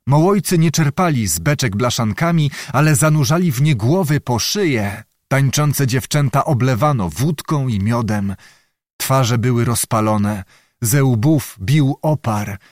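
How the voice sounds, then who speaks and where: A man narrating a literary novel in a steady, measured, descriptive reading voice. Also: medium pitch, no echo, studio quality. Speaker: audiobook narrator.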